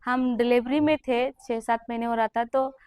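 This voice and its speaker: Young woman, fairly high voice, emotional testimony teller, dry sound. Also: steady tone, moderate pace, darkish tone, clean tone, dry recording. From Jharkhand, India. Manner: earnest and emotional, acting out the people she quotes. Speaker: testimony giver.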